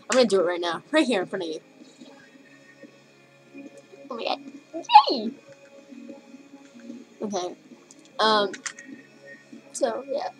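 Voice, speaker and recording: A woman's voice: medium pitch, fairly bright tone, rough recording. A teenage girl recording a casual video message to a crush, giggly and nervous, rambling and swearing a lot. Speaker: vlogger. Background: faint music playing.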